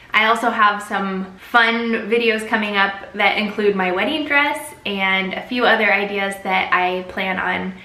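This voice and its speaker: A bright, chatty woman talking to her camera in a friendly, upbeat way. Her voice bounces around a hard-walled bathroom, so every word carries a strong echo. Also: medium pitch. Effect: strong room echo. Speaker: family vlogger. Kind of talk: casual chat to camera. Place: bathroom at home. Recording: echoey bathroom recording.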